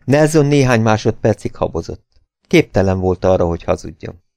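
Low-voiced male audiobook narrator. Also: expressive, gravelly, darkish tone, dry recording, studio quality. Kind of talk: audiobook reading.

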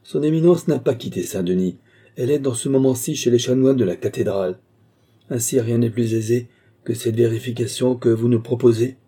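A man's voice: mid-range voice, brisk, mellow, husky. A man voicing a haughty royal princess who gives commands and grows alarmed, read in an audiobook. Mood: imperious. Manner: commanding, indignant. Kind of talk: audiobook character reading.

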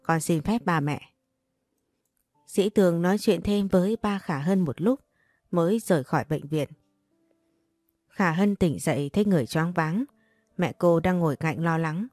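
A woman reads a dramatic story in a measured, even way. Her voice sits on the low side, and the recording is dry and close with faint background music. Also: no room sound. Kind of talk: scripted narration.

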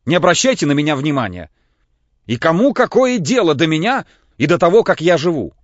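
Guy voicing a frantic young man losing it, voice shooting way up, dry flat audio. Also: unhurried, dry recording. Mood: shouting hysterically. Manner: shouting, voice cracking high. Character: hysterical young man, indignant, near breakdown. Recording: dull, dry lo-fi recording.

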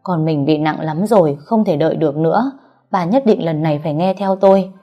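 A woman's voice: deep voice, fairly quick, muffled recording, soft background music. A woman voicing a worried middle-aged father who talks firmly and reassuringly to his wife. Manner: firm, reassuring. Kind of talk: audiobook character reading.

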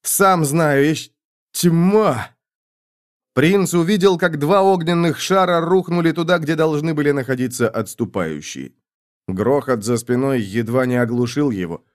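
A man reading a fantasy audiobook aloud, voicing all the characters himself and shouting their battle orders. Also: on the high side, expressive, normal speed. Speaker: audiobook narrator.

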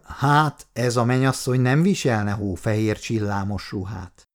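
A man voicing a kind, weary old man in a wheelchair in an audiobook, speaking calmly and gently. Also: on the low side, close to an everyday voice. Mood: gentle.

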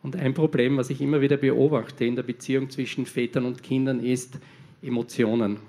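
A man's voice: mid-range voice, level tone, fairly quick, warm tone. A man interpreting a sermon phrase by phrase, following closely with small hesitations. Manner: follows closely, with fillers and restarts.

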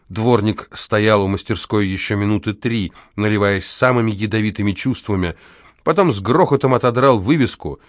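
Male narrator, low voice, theatrical reading, dry close mic. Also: no room sound. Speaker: audiobook narrator. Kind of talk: scripted narration.

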